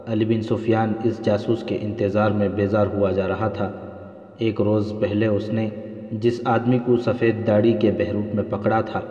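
A man narrating a historical novel aloud in a steady storytelling manner, in a dull, roomy recording. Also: on the low side.

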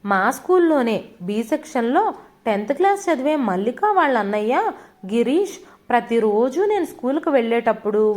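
A woman voicing a tearful, frightened teenage schoolgirl who pleads with her mother between sobs. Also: high-pitched. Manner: pleading, sobbing complaints.

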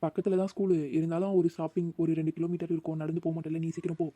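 A woman's voice: deep voice, level tone, rapid-fire, warm tone, dry recording. A woman voicing a friendly older neighbour woman who chats and encourages in a cartoon. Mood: encouraging. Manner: encouraging, chatty.

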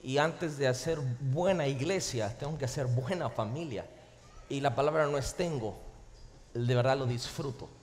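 A man preaching a sermon as pastor to a live congregation, animated and jokey, swinging between loud and soft. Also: medium pitch, normal speed. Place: large church hall with live audience. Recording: reverberant live hall recording.

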